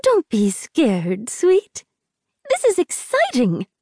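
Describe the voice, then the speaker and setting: A woman voicing a falsely sweet middle-aged matchmaker who gushes in a bright, sugary tone. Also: mid-range voice, sing-song, unhurried, no room sound, studio quality. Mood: gushing. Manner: bright, saccharine, gushing. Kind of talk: audiobook character voice.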